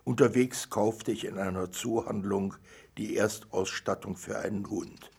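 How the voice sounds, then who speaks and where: Male storybook narrator, low, husky, creaky voice, dry delivery. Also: steady tone, a little slow, darkish tone. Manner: dry first-person narration, gruff father's lines. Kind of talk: storybook reading.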